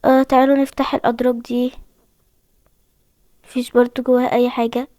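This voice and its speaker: Her fairly high voice has a dark tone, stays level, and moves at a fast clip. The speaker is a young gaming video host with an Egyptian Arabic accent, casually chatting to viewers during a horror game and often saying how scared she is. The studio-quality recording has no room sound.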